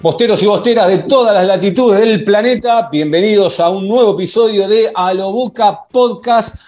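A man with an Argentine accent hosting a football podcast in a conversational, halting way, often repeating himself. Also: high-pitched, a little mellow. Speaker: sports podcast host. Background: faint music.

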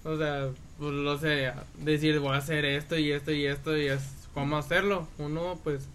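A man's voice: a little high, little pitch movement, normal speed, fairly bright tone, a little hiss or hum. Hesitant young Mexican man. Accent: Mexican Spanish. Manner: hesitant, fumbling for words. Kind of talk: casual chat among friends.

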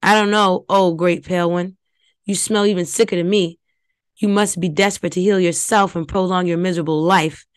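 A spiteful beast-woman taunts in a mocking voice, done by a woman narrator. The voice sits lowish and cutting. The sound is dry and close. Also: fairly even intonation, fairly quick, smooth, no room sound, lightly acted. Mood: taunting. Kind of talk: audiobook reading.

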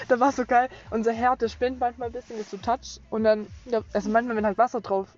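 A young woman vlogger chatting casually, telling stories with lively acted-out quotes and frequent laughter. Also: fairly high pitch, brisk, faint music behind. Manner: animated storytelling, acts out friends' quotes, laughs often. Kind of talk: casual chat. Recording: lo-fi dull sound.

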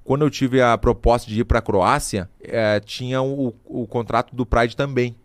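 A middle-aged man, a podcast guest telling stories in a casual, lively way. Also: medium pitch, moderate pace, no echo. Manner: lively, vivid storyteller who adds sound effects. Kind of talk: casual storytelling. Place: podcast studio.

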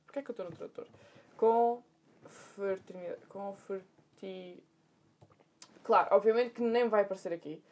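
A woman's voice: medium pitch, racing. A young woman with a European Portuguese accent, telling a story in a chatty, slangy monologue. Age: young adult. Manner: chatty, animated, full of slang and asides. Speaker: podcast host.

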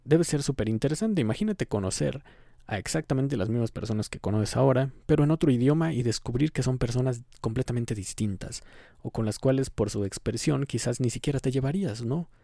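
A man's voice: mid-range voice, a little fast, creaky, warm tone, no room sound, studio quality. A man with a Mexican Spanish accent hosting a casual solo podcast, giving rambling, opinionated commentary with frequent fillers and self-corrections. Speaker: podcast host.

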